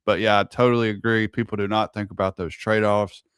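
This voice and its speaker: A man with a fairly low, clear voice conducts an interview. He is conversational and affirming, and the sound is close and dry. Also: little pitch movement, fairly quick, a bit bright, no echo. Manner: agreeable, affirming.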